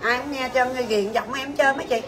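Bright, high-voiced saleswoman. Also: fairly quick, slight background noise. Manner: chatty, bossy and teasing, calls out prices and staff names. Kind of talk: livestream sales pitch.

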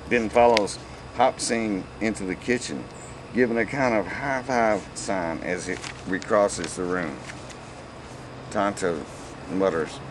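A man's voice: lowish voice, background noise. Man reading out a comic script. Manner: amused, stumbles and laughs. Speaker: script reader.

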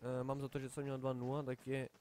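A young man with a Czech accent, commentating his own online game in a chatty way, dropping English swears and yelling in sudden panic. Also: mid-range voice, completely flat delivery, slight background noise. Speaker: gameplay commentator.

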